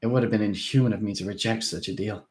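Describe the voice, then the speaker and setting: A man reading a first-person novel aloud in a steady, earnest storytelling manner. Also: fairly low pitch, fast. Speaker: audiobook reader. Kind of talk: first-person fiction narration.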